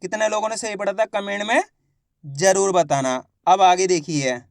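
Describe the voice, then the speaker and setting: A man teaching children's Hindi reading online, sounding out words syllable by syllable and then saying each whole word louder, while urging viewers to repeat after him. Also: high-pitched, moderate pace, creaky, dry recording, clean studio sound. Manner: addresses the viewers as friends and urges them to repeat after him.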